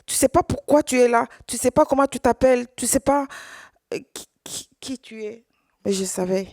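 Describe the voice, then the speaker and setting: Giving survivor testimony at a conference, a Congolese woman who speaks Swahili as her first language falters, repeating words and restarting often. Her gravelly, darkish voice sits a little high, captured in a clean studio recording without echo.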